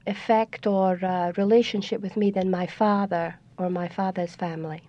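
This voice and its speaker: An older woman with a Scottish accent, a guest on a radio interview, explaining things in a measured, storytelling way. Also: lowish voice, fairly even intonation, mellow. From Scotland. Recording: dull lo-fi radio recording.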